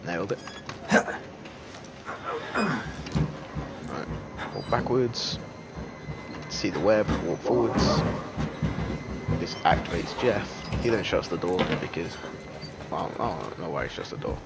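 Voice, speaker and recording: A man's voice: deep voice, animated, slow pace, vocal fry, long pauses. A man giving casual, joking gameplay commentary as a streamer, chatty and self-deprecating with lots of fillers. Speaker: game streamer.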